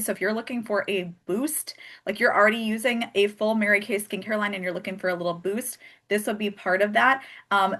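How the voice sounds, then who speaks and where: A woman with a mid-range, slightly bright voice hosts a live skincare product demonstration as a host and skincare consultant. She's chatty and joking, laughing often as she walks through each step.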